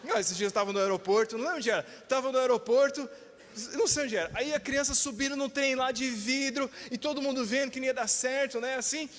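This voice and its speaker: In a reverberant church hall, a man with a Brazilian Portuguese accent preaches fast in a very high, slightly bright voice. He is emphatic, calls out for amens, and gives voice to the people he quotes.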